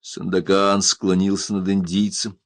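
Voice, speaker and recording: Lower-voiced man narrating an adventure book. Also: completely flat delivery, a little slow, dry recording. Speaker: audiobook narrator. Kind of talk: scripted narration.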